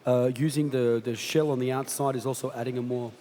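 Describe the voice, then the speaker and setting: A man's voice: mid-range voice, steady tone, brisk, dark tone. A man giving expert tasting comments, descriptive and often repeating words. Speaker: pastry expert guest. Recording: long hall reverb.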